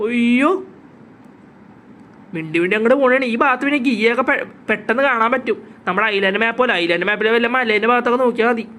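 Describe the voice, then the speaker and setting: A man giving casual, chatty gameplay commentary as a channel host. He keeps addressing his viewers as "guys," and a cough leaves his voice a little hoarse. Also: very high voice, racing, pushed and bright, slight background noise.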